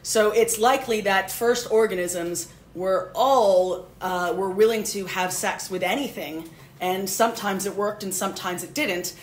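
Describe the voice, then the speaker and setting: A woman's voice: mid-range voice, measured pace. A woman biologist as a podcast guest, explaining at length with dry sarcasm and fillers. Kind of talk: casual explanatory interview. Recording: roomy echo, faint noise.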